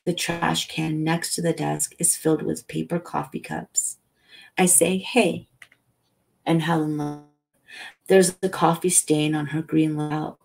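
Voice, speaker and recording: A woman reading a novel aloud as a calm, soothing bedtime story. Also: sits low, vocal fry, poor audio. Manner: slow, calm, soothing delivery. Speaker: audiobook reader.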